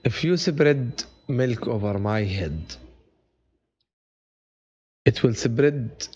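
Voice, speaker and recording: A man's voice: on the low side, darkish tone, husky. Guy teacher live streaming a revision class, jokey and chatty, slips into arabic bits, kinda muffled audio. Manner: chatty and joking, greets viewers by name; mixes in Arabic phrases. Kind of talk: live online revision session.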